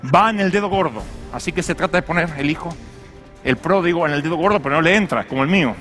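A man's voice: fairly high pitch, quick pace, faint music behind. A man preaching a humorous sermon as a pastor, telling stories and acting out voices. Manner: animated storytelling with acted voices and jokes.

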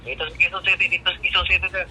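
A man's voice: high voice, flat delivery, very fast, bright, forceful tone. A man making a scam phone call, repeatedly accusing and insulting the listener. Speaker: scam caller. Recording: noisy phone line.

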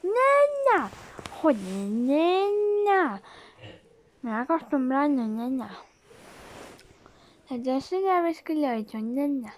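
High, slow-talking woman with a Spain Spanish accent. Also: very animated, a little hiss or hum. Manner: jittery and jumpy, tacks a pet word onto almost every phrase. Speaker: streamer. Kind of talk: live horror game commentary.

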